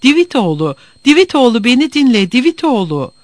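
A man's voice: high-pitched, big pitch swings, moderate pace, no room sound, pitched above the performer's own voice. A man voicing a desperate young woman who pleads and stammers through tears. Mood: pleading.

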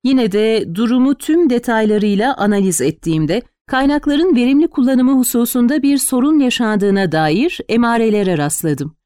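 A woman's voice: a little high, animated, normal speed, hardly any pauses, dark tone, no room sound, lightly acted. A woman reading the part of a wealthy, teasing adult man in an audiobook, with dry playful wit. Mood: matter-of-fact.

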